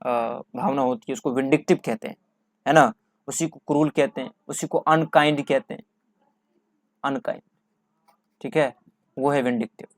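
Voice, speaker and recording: A man's voice: medium pitch, fairly even intonation, moderate pace, long pauses, dry recording, studio quality. A male English teacher explains exam vocabulary, asking questions and answering them himself, repeating key words. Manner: repetitive, asks and answers his own questions.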